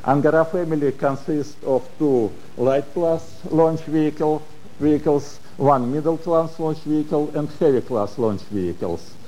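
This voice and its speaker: An older man with a Russian accent gives a prepared technical lecture in halting English with dropped articles. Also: fairly high pitch, mellow, rough recording. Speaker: conference speaker, space engineering professor.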